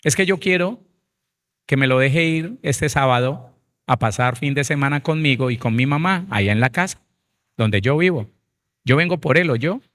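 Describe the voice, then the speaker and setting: A man voicing an irresponsible, offhand father who talks in a quick, dismissive way. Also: medium pitch, fairly bright tone, no room sound, studio quality, close to an everyday voice.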